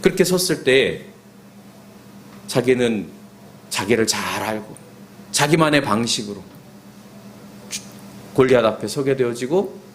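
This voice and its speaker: Animated Korean male pastor preaching. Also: mid-range voice, a little slow, long pauses, slight background noise. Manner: animated preaching, dropping to soft intimate asides. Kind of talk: sermon. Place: church sanctuary.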